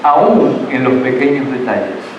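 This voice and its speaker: A man's voice: medium pitch, big pitch swings, a little slow, highs cut off, slight background noise. A middle-aged man, preaching a sermon as pastor, earnest and full of repeated words and restarts. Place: church sanctuary. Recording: echoey church hall, distant mic.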